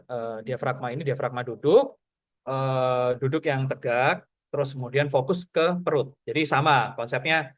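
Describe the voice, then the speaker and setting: A man teaching public speaking in a casual, chatty way, often pausing on fillers and acting out breathing and lip-trill exercises. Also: a little high. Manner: chatty, filler-heavy, demonstrates breathing and sounds; says he has a radio announcer's voice. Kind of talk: casual online workshop lesson.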